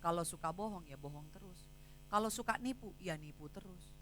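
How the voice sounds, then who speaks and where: A woman pastor, preaching a sermon in an emphatic way that climbs high when she retells a story. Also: fairly quick, fairly bright tone, slight background noise. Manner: emphatic, rising sharply when retelling anger. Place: church hall.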